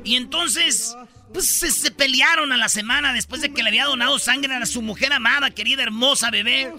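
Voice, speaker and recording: Radio comedy host, man; high, bright, gravelly delivery, rowdy joke-teller. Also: fairly quick, soft background music. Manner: rowdy, acts out characters with big voice swings. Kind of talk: telling jokes on morning radio.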